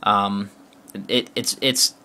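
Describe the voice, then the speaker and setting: A man's voice: fairly low pitch, fairly even intonation, extremely slow, sharp tone. A man casually demoing a phone's features, chatty and loose, with plenty of filler words and restarts. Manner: talks along while tapping through a phone. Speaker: phone reviewer. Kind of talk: casual product demo.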